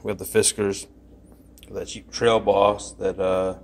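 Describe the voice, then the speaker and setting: A man's voice: sits low, little pitch movement, slow. A man talking offhandedly while filming his garage and yard on his phone. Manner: offhand, rambling, with fillers. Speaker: vlogger. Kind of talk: casual walkthrough vlog. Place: garage and yard, partly outdoors. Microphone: phone held while filming.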